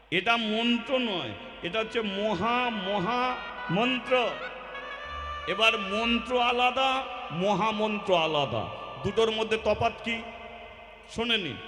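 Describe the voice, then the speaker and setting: A high-pitched kirtan singer and preacher with a Bengali accent delivers a devotional sermon, posing rhetorical questions and acting out homely examples before leading a call-and-response chant. It's recorded in a roomy live hall with loud music.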